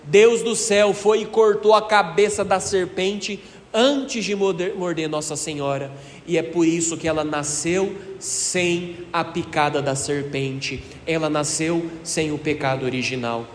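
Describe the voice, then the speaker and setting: A man's voice: a little high, measured pace, slight background noise. A male priest preaching a sermon in a folksy storytelling way, asking the congregation questions. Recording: echoey hall reverb, faint ambience.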